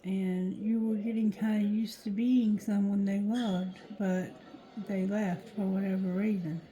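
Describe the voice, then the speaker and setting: A woman reads cards in a drowsy, mellow voice at a markedly slow pace. Her speech sits thick on the tongue and slightly slurred, and she moves haltingly, often repeating a phrase as she works through the reading. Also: mid-range voice, flat delivery, low-quality recording. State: tired, drowsy. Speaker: tarot reader. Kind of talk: intuitive card reading, casual monologue.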